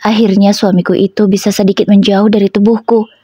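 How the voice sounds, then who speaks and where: A woman's voice: mid-range voice, level tone, a little fast, mellow, husky, dry recording. A woman narrating an emotional first-person story about her marriage, with an indignant tone.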